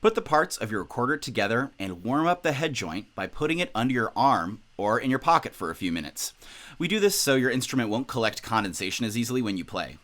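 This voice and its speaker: Young guy doing an upbeat music tutorial, voice bouncing up and down a lot. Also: fast talker. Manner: upbeat, instructional, lively pitch. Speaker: music teacher.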